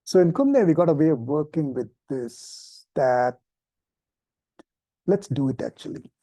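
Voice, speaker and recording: A man teaching an informal spoken lesson, relaxed and self-deprecating, often restarting his sentences. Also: fairly high pitch, a little slow, no echo. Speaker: meditation teacher.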